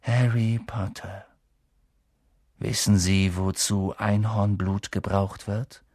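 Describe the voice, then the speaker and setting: A man voicing a noble young male centaur who speaks in a measured, grave and earnest way in an audiobook. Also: lowish voice, level tone, a little mellow, no room sound, clean studio sound, pitched below the performer's own voice. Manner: measured and grave, slow emphatic words. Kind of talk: audiobook character voice.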